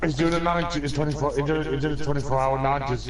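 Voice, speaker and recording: A man's voice: a little high, fairly even intonation, rapid-fire, far from the mic, a crowd in the background, rough recording. A man chatting casually with a friend over a game, giving short offhand replies. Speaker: gaming friend. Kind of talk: casual chat while gaming.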